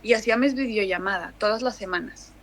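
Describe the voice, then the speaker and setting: Brief: young woman, Mexican accent, relaxed chatty guest, restarts often. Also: medium pitch, brisk. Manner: chatty, many fillers and restarts. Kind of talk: casual conversation.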